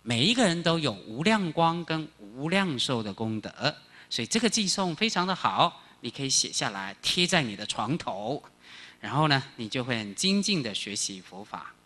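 A male Buddhist monk giving a sutra lecture, animated, chanting phrases slowly and quizzing the audience. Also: medium pitch. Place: lecture hall.

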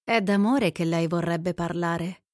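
Woman reading a bewitching young country girl, teasing and soft, slow, dry studio, audiobook. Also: lowish voice, no room sound, natural voice.

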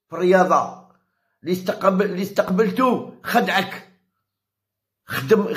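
A man from Algeria with an Algerian Arabic accent, hosting his own channel and delivering an impassioned rant that hammers home its points by repeating phrases. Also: on the high side. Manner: heated, repeats phrases for emphasis. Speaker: channel host. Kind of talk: impassioned direct-to-camera rant.

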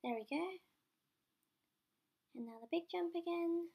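Hosting her channel while gaming, a young woman with a cold chats in a croaky voice, mocking herself and occasionally whispering. She speaks at an extremely high pitch, yet the tone is dark, and her pace is measured.

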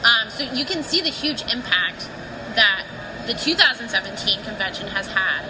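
A woman's voice: mid-range voice, expressive, moderate pace. A woman giving a casual, filler-filled interview answer at a convention. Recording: noisy field recording.

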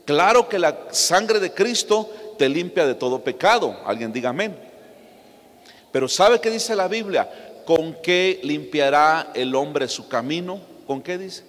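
High-voiced preacher in a church. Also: male voice, animated, unhurried, a bit bright. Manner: emphatic, preacher's rhetorical questions to the crowd. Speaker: apostle preaching to a congregation. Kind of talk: sermon. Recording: long reverb of a church hall.

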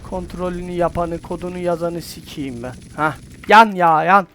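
High-voiced man cursing at a game. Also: moderate pace. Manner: frustrated, swears loudly, talks to the game. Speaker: gameplay streamer. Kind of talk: casual gameplay commentary. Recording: faint game noise behind.

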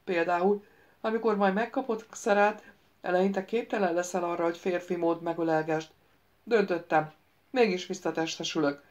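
A woman's voice: lowish voice, fairly even intonation, muffled recording, close to an everyday voice. A wheedling ghost wizard, as a woman reads him. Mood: bargaining. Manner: wheedling, pleading and bargaining. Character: pleading ghostly male wizard, petulant and scheming.

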